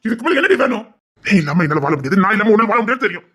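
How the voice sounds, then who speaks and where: An actor with a Tirunelveli Tamil accent playing a desperate young man who pleads with his lover, swinging from hushed pleas to shouting. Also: high voice, big pitch swings, rapid-fire, husky, exaggerated voice. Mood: pleading. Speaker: actor in a romance drama. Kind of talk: emotional drama acting.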